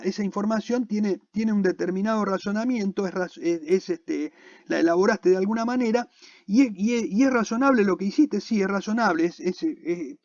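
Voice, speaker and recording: A man's voice: sits high, darkish tone, no room sound. A man with an Argentine accent teaching accounting in a university lecture. He often restarts his sentences and keeps checking in with the student. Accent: Argentine Spanish. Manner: explains with frequent restarts and checking questions to the student. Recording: dull lo-fi dry recording.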